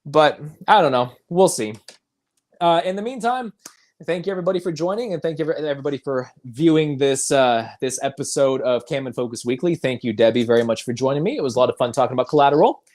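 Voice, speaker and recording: A man's voice: medium pitch, quick pace, a little mellow. Guy hosting a chill movie stream, rambly, keeps chuckling. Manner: rambling, laughing often. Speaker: host. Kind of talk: casual livestream chat.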